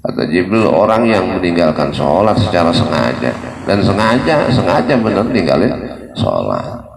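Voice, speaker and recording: Lively male preacher in an echoey mosque. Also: low voice, normal speed, gravelly, crowd noise. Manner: lively storytelling with chuckles. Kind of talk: Ramadan mosque sermon. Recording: echoey noisy mosque from far off.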